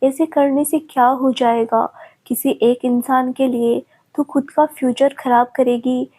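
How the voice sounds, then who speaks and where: A woman's voice: high-pitched, steady tone, measured pace, warm tone, slightly rough. A woman narrator voicing a young female friend who scolds and coaxes with care. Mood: caring. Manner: scolding but caring.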